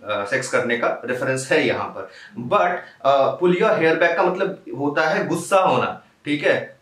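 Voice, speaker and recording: A man's voice: mid-range voice, a bit bright, far from the mic. A young man hosting a reaction video, breaking down rap lyrics line by line in casual, explanatory talk with English phrases mixed in. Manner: explanatory, mixes English into his talk, laughs now and then. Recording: roomy, off-mic home recording.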